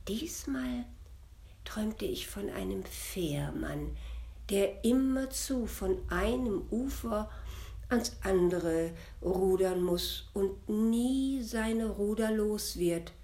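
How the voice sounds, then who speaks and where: A woman's voice: medium pitch, expressive, slow pace, creaky, dark tone. A woman voicing a shrewd, sly old grandmother in a spoken fairy tale, talking in a coaxing, soothing way.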